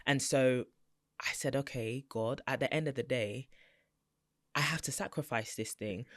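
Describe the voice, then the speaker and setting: A woman's voice: a bass voice, unhurried, no room sound, studio quality. A woman co-hosting a podcast, telling a personal story in an earnest, emphatic way. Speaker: podcast co-host. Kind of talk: casual podcast chat.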